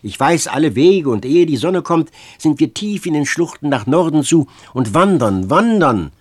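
A man's voice: medium pitch, big pitch swings, normal speed, husky. A man doing a desperate young woman, Fenice. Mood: pleading. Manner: pleading, rising into loud outbursts. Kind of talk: audiobook reading.

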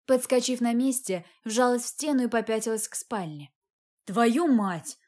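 A woman narrating a novel in the first person, with expressive storytelling. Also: fairly high pitch, a little fast. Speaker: audiobook narrator.

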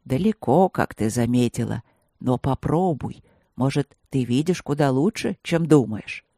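A reader voicing a wise old grandfather tiger who speaks in an unhurried sing-song. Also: mid-range voice, expressive, mellow, no echo, clean studio sound, pitched below the performer's own voice.

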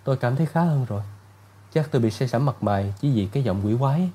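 A man's voice: medium pitch, animated, fast talker, mellow, voice pushed up, lightly acted. A male narrator voicing a frightened middle-aged maid who stammers breathlessly, with the voice raised. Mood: shaken.

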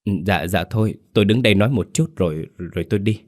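A man's voice: fairly low pitch, fast, lightly acted. A man voicing a poor, frightened young country woman who stammers and pleads through tears. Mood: pleading.

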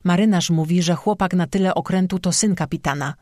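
An audiobook narrator voicing an anxious village priest watching a shipwreck, speaking gravely. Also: medium pitch, brisk, darkish tone, dry recording, studio quality, close to an everyday voice. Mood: worried.

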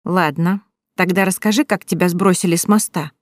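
A woman's voice: on the low side, fairly even intonation, normal speed, no echo, clean studio sound, natural voice. A woman voicing a curious little boy in an audiobook, asking earnest, eager questions.

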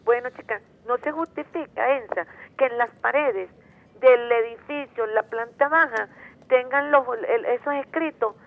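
A woman's voice: on the high side, moderate pace. A woman with a Venezuelan accent calling into a radio show, talking in a rambling, repetitive, indignant way. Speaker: caller. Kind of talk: phone-in call to a radio show. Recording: tinny phone line.

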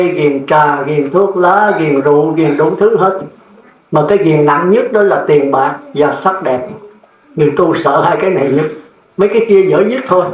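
Older male monk, high voice; blunt sermon delivery; echoey, slightly muffled recording. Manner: blunt, plain-spoken, often asks "nghe không?". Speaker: Buddhist monk preacher. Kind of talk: dharma talk sermon.

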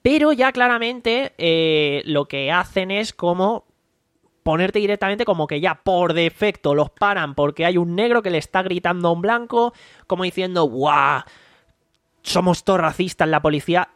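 Man, casual podcast chat, somewhat high voice, dry close sound. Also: moderate pace, fairly bright tone, clear, resonant tone, no room sound. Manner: rambling, recounts scenes by acting out quotes. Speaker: podcast host.

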